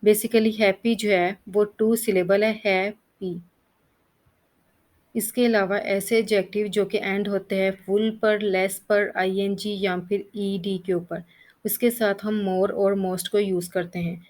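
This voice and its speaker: In a Hindi-language lesson on English grammar, a woman explains the rules step by step, spelling out letters and reading lists of word forms. Her voice is medium-pitched and a little mellow, with a level tone and an unhurried pace.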